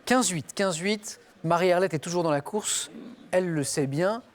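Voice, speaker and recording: A man with a high voice hosts a television quiz show, reading the clues unhurriedly in the first person. He calls on the players by name as he goes.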